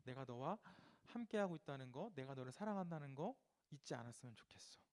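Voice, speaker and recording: A man voicing God as a tender, fatherly deity, speaking reassuring promises in a gentle way. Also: medium pitch, fairly quick, pitched below the performer's own voice, close to an everyday voice. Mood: tender, soothing.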